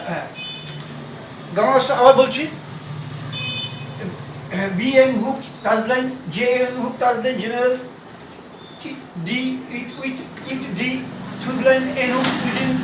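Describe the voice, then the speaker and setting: A man teaching shorthand in a classroom style, pausing and repeating words as he writes out examples. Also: very high voice, fairly bright tone, slight background noise. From India. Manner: halting, repeats words while writing. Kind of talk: classroom lesson. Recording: echoey room, mic far off.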